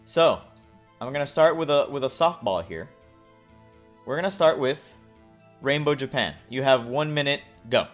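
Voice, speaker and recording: A man co-hosting a casual gaming podcast, animated and teasing, sometimes acting out silly voices. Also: medium pitch, moderate pace, long pauses. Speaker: podcast co-host. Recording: faint music bed behind.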